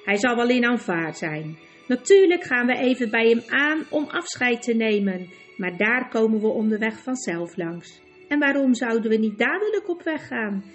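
A woman voicing a gentle, plain-spoken talking mare in a storybook reading. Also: fairly high pitch, very animated, moderate pace, soft background music.

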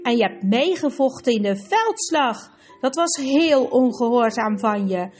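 A stern, dignified old king, voiced by a woman reading a storybook, speaking in slow, formal, measured sentences with a raised pitch. Faint music drifts behind. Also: animated. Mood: gruff.

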